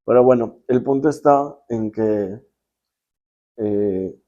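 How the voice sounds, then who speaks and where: A man's voice: lowish voice, slow, highs cut off. A Mexican man in his fifties telling a personal story casually, acting out the voices of people he quotes in slangy, salty speech. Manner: lively, acts out quoted voices, slangy and profane.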